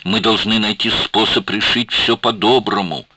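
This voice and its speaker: A man's voice: fairly low pitch, steady tone, normal speed, pushed and bright, slight background noise, pitched above the performer's own voice. A man voicing an anxious man who pleads earnestly. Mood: pleading. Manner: imploring, earnest.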